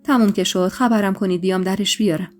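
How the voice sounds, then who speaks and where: A woman's voice: mid-range voice, fairly even intonation, soft background music, lightly acted. A woman voicing a kind village nurse who speaks in a friendly, matter-of-fact way.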